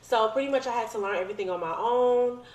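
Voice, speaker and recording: An American woman in her thirties, a podcast guest, tells personal stories casually and full of slang. Her voice is a little high and a bit mellow, and she talks quickly. The recording has a roomy echo with clear background noise.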